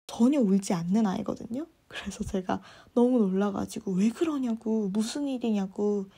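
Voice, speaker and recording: A woman's voice: a little high, dark tone, husky. A young woman in her twenties telling a personal story in a chatty vlog, acting out the lines she quotes. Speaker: vlogger.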